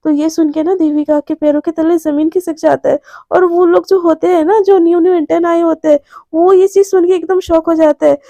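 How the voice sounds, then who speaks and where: High gravelly woman storyteller. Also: steady tone, fairly quick, mellow, no echo. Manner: chatty, colloquial, many fillers. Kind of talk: casual story narration.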